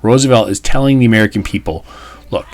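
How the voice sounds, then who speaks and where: A fast-talking history teacher with a lowish, slightly mellow voice reads a text aloud. He explains it as he goes, casually and with plenty of emphasis.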